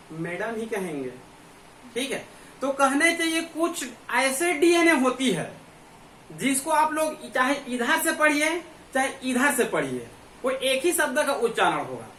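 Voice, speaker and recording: A man's voice: very high voice, bright, forceful tone. A man teaching biology, who keeps asking questions and answering them himself. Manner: repetitive, asks and answers own questions. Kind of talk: classroom lecture at a board. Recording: echoey room, mic far off, faint hum.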